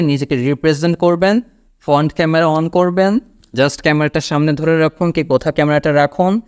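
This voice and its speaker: Man teaching English, fairly high voice. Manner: explains slowly, reads English example lines aloud deliberately. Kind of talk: spoken English lesson in Bengali.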